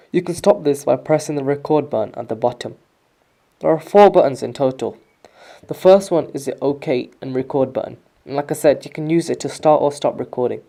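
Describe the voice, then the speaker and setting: Mellow-voiced casual product reviewer. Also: mid-range voice, gravelly. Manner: informal, explanatory. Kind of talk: casual scripted-sounding product review narration.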